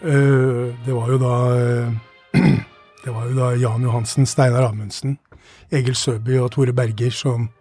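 Mellow husky guy, studio guest explaining old sports history, kinda halting, chatty. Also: medium pitch, level tone, faint music behind.

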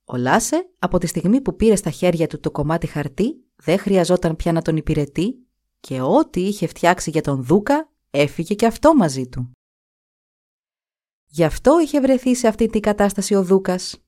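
A woman storyteller reading a fairy tale with an animated delivery. Her voice sits on the low side, and her pitch rises and falls freely to carry the story along.

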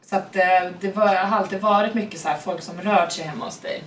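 A woman in an easy-going chat, pausing often with fillers as she thinks. Her voice comes from some distance away in a reverberant space. Faint background noise sits underneath. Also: medium pitch, steady tone. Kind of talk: casual chat.

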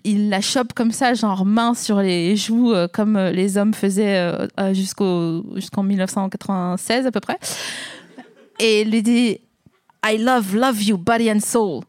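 A woman's voice: medium pitch, dry recording. A woman hosting a podcast in casual chat, playful, theatrical and swearing freely. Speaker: podcast host.

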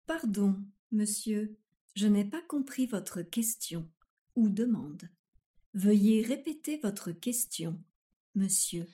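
An actress plays a fussy, overly courteous woman who can never follow what is asked. She speaks very slowly and deliberately in a mellow, darker tone, in a surreal comic sketch. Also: mid-range voice, lively intonation. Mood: overly polite. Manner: formal, deliberate, fussy politeness. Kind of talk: surreal comic dialogue acting.

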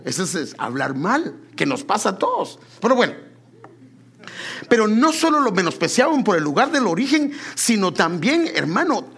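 A man preaching a sermon in an animated way, often calling his listeners beloved brother. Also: high voice, vocal fry, breathy edge. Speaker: pastor.

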